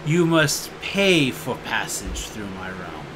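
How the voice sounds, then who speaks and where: Man doing a deep, haughty blue dragon. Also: very animated, background noise. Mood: demanding. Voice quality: deep, slow and menacing.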